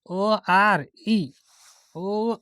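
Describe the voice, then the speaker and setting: Speaking very slowly, a woman with a medium-pitched, smooth, fairly bright voice teaches spelling the way a classroom lesson goes. She spells words out letter by letter and checks with questions that her pupils are keeping up. There's no echo.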